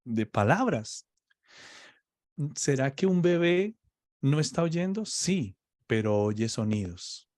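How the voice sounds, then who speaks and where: A man's voice: mid-range voice, sing-song, darkish tone, dry recording, clean studio sound. A man teaching on faith in a conversation, explaining patiently and often checking "ok?" with his listener. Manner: slow, explaining, checks understanding with "¿ok?". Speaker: preacher.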